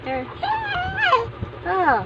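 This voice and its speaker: Mom vlogger, playful singsong coos, unhurried, engine hum behind. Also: female voice, high-pitched, recorded from a distance, highs cut off. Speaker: mother vlogging her baby. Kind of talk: baby talk to an infant, asides to viewers.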